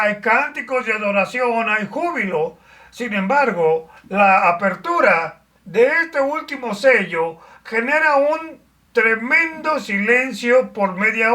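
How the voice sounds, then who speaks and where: Slow, bright-voiced woman teaching Bible study. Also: a little high, far from the mic. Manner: measured, explanatory, pauses with "eh" and restarts.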